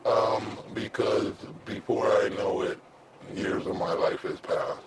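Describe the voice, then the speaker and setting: A man in his thirties, an anonymous interviewee whose voice is altered and pitched down to disguise him, speaking candidly and haltingly with fillers and restarts. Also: level tone, heavy background noise. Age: 30s.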